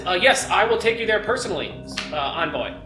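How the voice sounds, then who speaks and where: A man's voice: high-pitched, animated, fast. Fantasy tabletop gate guard, played by a man, formal, hesitant and obsequious, roomy distant sound with music behind. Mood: nervous, formal. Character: deferential, flustered male city gate guard. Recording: roomy, distant mic under loud music.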